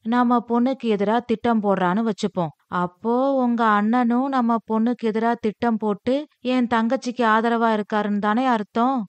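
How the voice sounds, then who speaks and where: Gentle reasoning father, read by a woman storyteller, dry booth sound. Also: fairly high pitch, fairly even intonation, moderate pace, no room sound, close to an everyday voice. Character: worried middle-aged father, gentle and reasoning.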